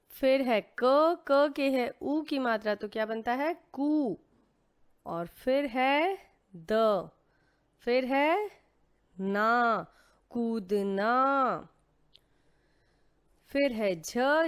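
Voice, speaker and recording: A woman with a high-pitched, smooth voice teaches young children to read Hindi, patiently and slowly sounding out syllables and mixing in English words. She asks questions and then answers them herself.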